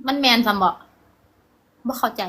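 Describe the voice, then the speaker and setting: A woman's voice: moderate pace, bright, forceful tone, natural voice. A young woman with an Isan (Northeastern Thai) accent playing a flustered village girl in a comedy sketch, who pleads and stumbles over English words.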